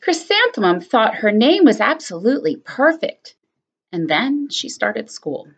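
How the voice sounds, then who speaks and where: A woman teacher reading a picture book aloud to her students, expressive and animated. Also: fairly high pitch, measured pace, husky. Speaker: elementary school teacher. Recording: slightly muffled lo-fi recording.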